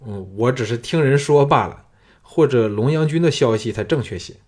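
A man's voice: lively intonation, unhurried, a little mellow, close to an everyday voice. Man voicing an earnest, cautious old counselor. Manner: earnest, urging, lowered confiding voice.

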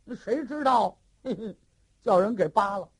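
Traditional-tale bandit done by the narrator: husky, rambling, sheepish, animated. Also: medium pitch, normal speed. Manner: rambling, self-pitying. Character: sheepish male bandit, boastful yet embarrassed. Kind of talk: traditional storytelling.

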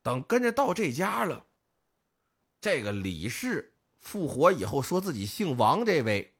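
A man, co-hosting a podcast and telling a folk tale in lively, casual speech, putting on the voices of the villagers. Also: a little high, measured pace, breathy edge. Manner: lively storyteller, acts out village voices, northern colloquial. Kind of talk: casual storytelling chat.

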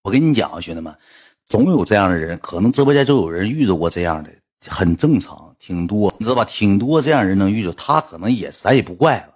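A husky-voiced man tells rambling stories to his livestream viewers. He talks fast and swings his pitch widely, sounding lively and exasperated. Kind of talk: casual storytelling on a livestream.

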